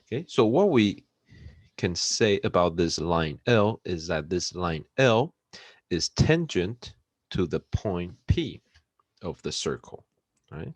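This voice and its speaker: Slow, deep-voiced man teaching math. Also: sing-song, breathy edge, no echo. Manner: unhurried, many "uh" fillers and "right?" checks. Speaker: math instructor. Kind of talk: recorded lecture.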